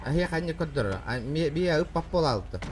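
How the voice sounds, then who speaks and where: A man chatting casually on a game stream, brash and quick to swear. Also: fairly high pitch, lively intonation, slight background noise. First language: Yakut. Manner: brash, combative, heavy swearing.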